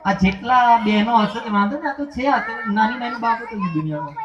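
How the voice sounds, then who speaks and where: A man's voice: extremely high pitch, brisk. A man with a Gujarati accent telling jokes on a live stage and acting out characters in put-on voices. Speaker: stage comedian and event announcer. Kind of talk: live stand-up joke telling. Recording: roomy live stage sound with crowd, dull.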